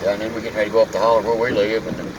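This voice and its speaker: A man's voice: lowish voice, level tone, racing. A man from southwest Virginia with an Appalachian accent, chatting casually in folksy dialect as he films a ride along. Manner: folksy, drawling dialect with homespun turns of phrase. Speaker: local vlogger. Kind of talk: casual chat while riding along filming. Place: inside a moving vehicle. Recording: distant mic, loud vehicle noise.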